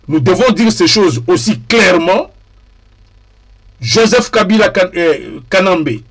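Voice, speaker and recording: A man speaking in a deliberate, emphatic way and repeating key phrases for weight, as a TV political commentator. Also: sits high, fairly bright tone. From DR Congo.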